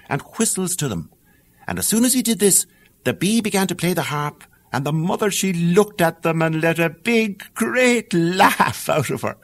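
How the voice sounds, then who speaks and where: A man with an Irish accent narrates a fairy tale audiobook, telling the story in a lilting, animated way. His voice is a little high.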